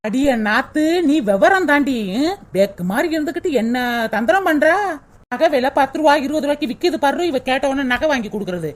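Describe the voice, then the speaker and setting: A woman voicing a sharp-tongued young daughter-in-law in a cartoon, grumbling sarcastic asides. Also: high voice, animated, fairly quick.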